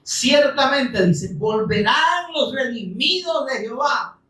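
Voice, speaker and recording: A high-pitched man preaching with lively swings from loud calls to soft asides. He acts out the grumbling of his listeners, and his voice comes from a distance in a roomy, echoing space. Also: slow pace. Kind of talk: sermon.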